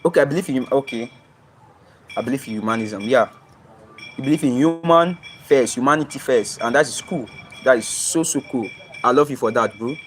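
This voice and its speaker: A young Nigerian man with a Nigerian English accent livestreams casually from his phone outdoors near his home, the camera flipped to show his surroundings. He reads viewer comments aloud, answers them and often asks "you understand?". His mid-range voice is a little fast, with a little hiss or hum.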